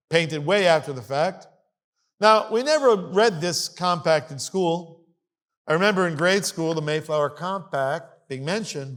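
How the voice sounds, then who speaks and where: Man, sermon-style history lesson, somewhat high voice, emphatic, wry asides, reads a document aloud with commentary. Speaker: congregation teacher. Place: congregation meeting hall.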